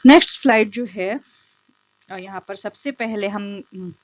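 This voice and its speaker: Speaking a little slowly in a medium pitch, a woman walks through an online special education exam-prep lecture with slides, with no echo. She explains each step, repeats key terms and checks the listener's understanding. The recording is lo-fi, dull and dry.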